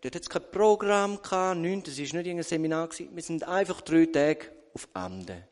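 A Swiss German man preaches in a church hall, his slightly raised voice trailing off into a long reverb. He tells his story in a lively way, full of quoted asides and questions put to the congregation. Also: on the high side, a little fast. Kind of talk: sermon testimony.

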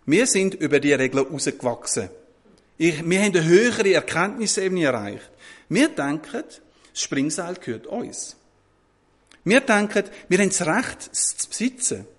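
Haughty schoolgirls with a lifted, lecturing tone, the voice pitched up over a man's natural register, as a man puts them on. The stays plain underneath. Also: big pitch swings, normal speed. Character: defiant schoolgirls claiming a jump rope.

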